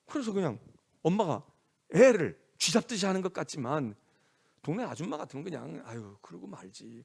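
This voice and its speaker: A middle-aged man preaching a sermon in a church, animated, acting out scolding parents in quoted voices. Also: a little high, vocal fry, husky. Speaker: pastor.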